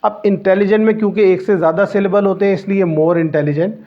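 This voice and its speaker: High-voiced man teaching grammar. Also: fairly even intonation. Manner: explains step by step, asks and answers his own questions; slows down and stretches out the English example sentences. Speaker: English teacher. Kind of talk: classroom-style grammar lesson. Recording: dull lo-fi recording.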